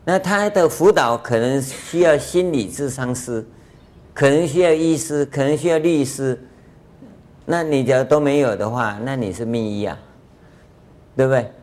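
An older man gives a Buddhist dharma lecture in a conversational way, full of rhetorical questions and drawn-out filler sounds. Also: medium pitch, a little mellow. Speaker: Buddhist master giving a lecture.

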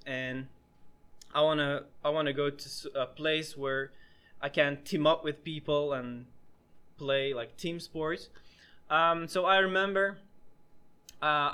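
A man's voice: on the high side, pushed and bright, clear, resonant tone. A young man hosting a casual podcast chat, talking hesitantly with many restarts and fillers. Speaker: podcast host.

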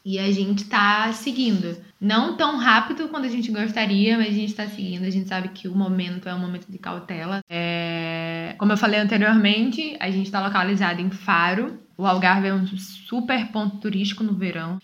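A woman's voice: mid-range voice, normal speed, hardly any pauses, fairly bright tone. A Brazilian woman from Sergipe with a matching accent, chatting as a guest about her small business, with many fillers. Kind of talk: casual recorded interview. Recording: roomy and slightly dull.

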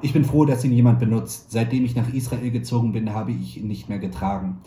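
A man voicing an elderly grandmother who speaks loudly on a long-distance phone call. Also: medium pitch, steady tone, brisk, a little hiss or hum, close to an everyday voice. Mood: eager. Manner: loud, repeating herself on a bad line. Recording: roomy echo.

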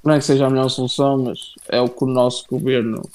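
A man with a European Portuguese accent co-hosting a casual live wrestling chat in a halting, slangy, familiar way. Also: mid-range voice, flat delivery, darkish tone. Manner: halting, slangy, addresses listeners and co-host familiarly. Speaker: wrestling show co-host.

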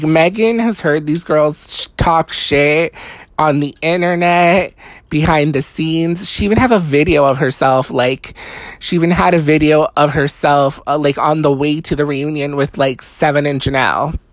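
A person giving a casual, gossipy recap of a reality show, talking fast and loose with lots of "like" and swearing. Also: mid-range voice, no echo. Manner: chatty, profane, many "like" fillers.

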